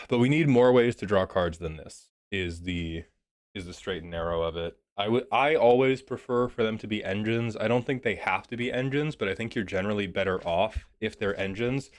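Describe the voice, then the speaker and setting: Low-voiced man reviewing a card deck. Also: moderate pace. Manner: profane, joking, thinks aloud. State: a bit sick. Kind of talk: casual commentary.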